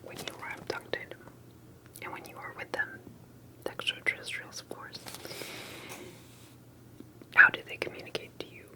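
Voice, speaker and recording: Playing an interviewer in an ASMR roleplay, a woman keeps to a soft, breathy, unvoiced whisper the whole time. She asks her questions carefully and deliberately, and the audio quality is poor.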